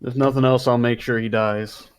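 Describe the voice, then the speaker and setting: A man's voice: mid-range voice, fairly even intonation, normal speed, clear, resonant tone, lightly acted. A man playing a grumbling, principled adventurer who makes solemn vows in a tabletop game. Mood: solemn, determined. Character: grumbling, resolute lawful-good male adventurer.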